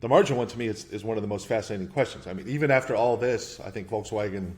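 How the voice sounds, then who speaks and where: Halting, animated man with a low voice. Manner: animated, halting restarts, thinking aloud. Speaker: investment manager guest. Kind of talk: podcast interview.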